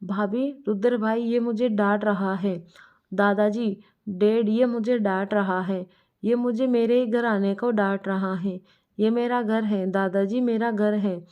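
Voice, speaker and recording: A woman voicing a drunk, tearful young woman who talks slowly and sulks like a child. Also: medium pitch, steady tone, smooth, natural voice. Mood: tearful complaining. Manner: slow slurred complaining. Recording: muffled lo-fi recording.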